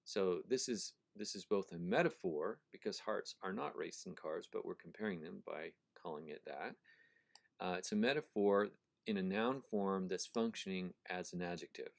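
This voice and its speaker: A professor gives a recorded lecture on prose style, thinking out loud, correcting himself, and slowly repeating phrases to bring out their sounds. His voice is low and creaky.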